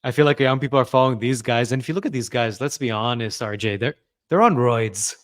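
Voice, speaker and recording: A man's voice: mid-range voice, fast talker. A young man hosting a podcast, talking conversationally and building his points step by step before asking his guest questions. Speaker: podcast host. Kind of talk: casual podcast interview.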